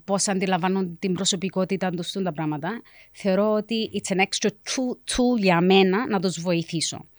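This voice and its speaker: A woman's voice: mid-range voice, no echo. Emphatic Cypriot Greek woman in a dry recording. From Cyprus. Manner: emphatic, frequently switches into English. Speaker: educational coach and mentor, interview guest. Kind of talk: conversational interview.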